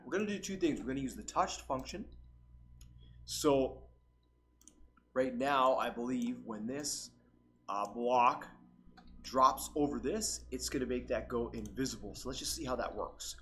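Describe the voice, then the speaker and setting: A man's voice: mid-range voice, a bit bright. A man hosting a casual coding tutorial while losing his voice to a cold, rambling with lots of fillers and restarted sentences. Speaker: channel host, tutorial maker.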